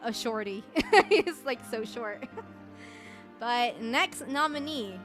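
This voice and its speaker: A woman's voice: a little high, expressive, takes it slowly, fairly bright tone, faint music behind. A woman streamer giving casual, chatty commentary at a year-end awards stream, laughing often.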